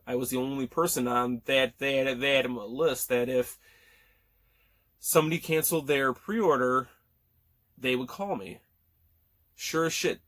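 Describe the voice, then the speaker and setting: A man's voice: medium pitch, a bit bright. Rambling man with a cracking voice. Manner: rambling, many fillers and restarts, swears casually. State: voice cracking after being sick. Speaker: gaming vlogger. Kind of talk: casual chat.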